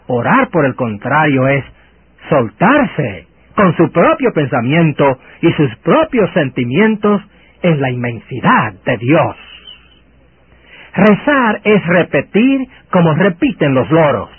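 Slow male radio preacher, phone-like sound. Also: on the high side, sing-song, breathy edge, no echo. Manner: deliberate, emphatic, oratorical. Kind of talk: radio sermon, rhetorical questions and contrasts. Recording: over a radio, narrow phone-like band, muffled.

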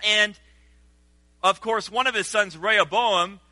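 A pastor who grew up in Senegal preaching a sermon, animated and engaging the congregation with call-and-response. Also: male voice, high-pitched, measured pace, no room sound.

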